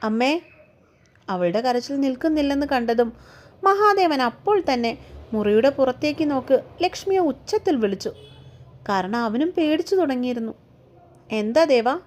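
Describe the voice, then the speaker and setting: A woman narrating a romance novel aloud in a steady storytelling read. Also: sits high. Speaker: audiobook narrator.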